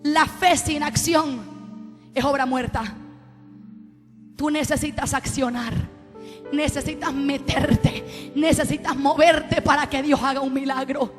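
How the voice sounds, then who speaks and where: A woman preacher delivers a fervent Sunday sermon in a very high voice, building to shouts and questioning the congregation. Her voice rings with the long reverb of a church sanctuary. Soft music plays faintly behind her. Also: fairly even intonation, slow pace, pauses often. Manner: impassioned, rising to shouts, asks the congregation. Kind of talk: live Pentecostal sermon.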